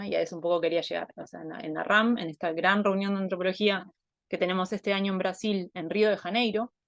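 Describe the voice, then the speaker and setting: A woman with a lowish voice and an Argentine Spanish accent gives an online talk as an anthropologist over a video call. She thinks aloud, with many fillers and restarts. The sound is dry and close, with no room around it. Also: dry recording. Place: home, Buenos Aires.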